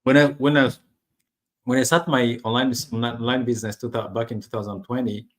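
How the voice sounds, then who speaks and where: Speaking fairly quickly in a medium-pitched, steady voice, an online business vlogger from Rwanda chats to camera in a casual, personal way. English is not his first language, and he restarts and uses fillers often.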